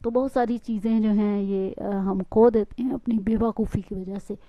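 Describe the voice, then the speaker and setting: A woman with a Pakistani accent, teaching a school lesson, reading the English lines slowly and explaining them in between. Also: medium pitch, fairly even intonation, no echo. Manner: slow English lines, quick asides. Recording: dull lo-fi sound.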